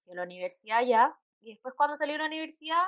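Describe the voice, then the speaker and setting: A woman from Chile with a Chilean Spanish accent, a psychologist chatting as a guest, with many fillers and soft laughs. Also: high-pitched, expressive, very fast, no echo. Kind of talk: casual interview chat.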